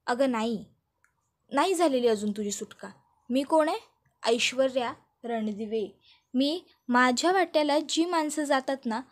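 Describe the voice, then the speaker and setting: A woman voicing a scheming young female villain who mocks and threatens her captive. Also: high-pitched. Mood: taunting. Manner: mocking, menacing taunts.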